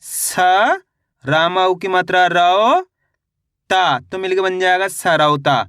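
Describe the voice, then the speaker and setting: Man, Hindi reading teacher, bright tense voice, dry close recording, slow syllable-by-syllable spelling. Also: high-pitched, clear, resonant tone, dry recording. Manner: slow, deliberate syllable-by-syllable sounding out, repeating each word. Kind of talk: online lesson, spelling words out syllable by syllable.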